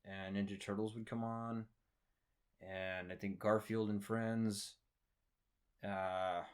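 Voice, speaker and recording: A young man from the United States co-hosting a podcast in a relaxed, easygoing casual chat. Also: on the low side, slow, clean tone. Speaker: podcast co-host.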